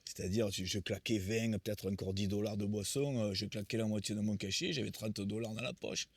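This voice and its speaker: A man's voice: on the low side, steady tone, brisk, husky, no echo. A man in his sixties, a musician being interviewed, telling anecdotes in a rambling way with many restarts. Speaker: musician guest. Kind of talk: conversational storytelling interview.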